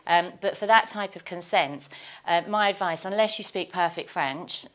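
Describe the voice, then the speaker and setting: A woman on a studio panel advises a viewer on planning forms. Her voice is notably low for a woman. She speaks confidently and practically, in a matter-of-fact way. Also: moderate pace, fairly bright tone. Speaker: property panel expert on France. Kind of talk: panel discussion giving advice.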